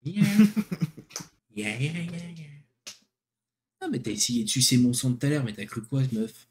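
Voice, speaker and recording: A man's voice: mid-range voice, expressive, fast talker, a little mellow, a little hiss or hum. A man playing in a tabletop game, chatting casually and exclaiming over his dice rolls. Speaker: player.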